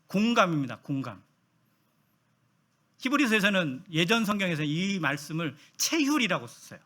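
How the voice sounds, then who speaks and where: A man preaching a sermon. His voice is high and bright, and it swings up and down a lot. He keeps asking the listeners questions and acts out the people he quotes. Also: big pitch swings, moderate pace.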